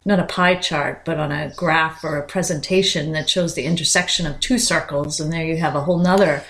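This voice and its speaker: A woman with a slightly low voice co-hosts a podcast. She explains her ideas in an easy conversational way, letting one clause run into the next as in casual chat. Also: fairly even intonation, brisk, fairly bright tone. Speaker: podcast co-host.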